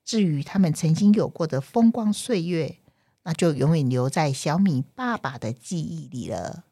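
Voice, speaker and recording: A woman's voice: deep voice, normal speed, slightly rough, no echo. A mature woman with a Taiwanese accent tells a bedtime story to young children, speaking as if reading to a toddler, expressively and with little questions for them. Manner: expressive, with exclamations and sentence-final particles.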